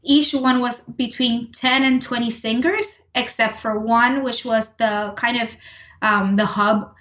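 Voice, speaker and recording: A woman in her thirties from Puerto Rico, a composer talking through her work in a relaxed interview, thoughtful and full of restarts. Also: on the high side, a little slow, reverberant, muffled recording. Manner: thoughtful, many restarts and fillers. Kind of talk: casual interview conversation.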